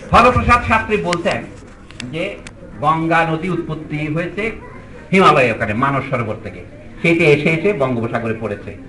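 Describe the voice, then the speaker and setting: A man's voice: high-pitched, pushed and bright, distant mic, rough recording. A man from Bangladesh, a teacher giving a formal public lecture, arguing his case with pointed rhetorical questions.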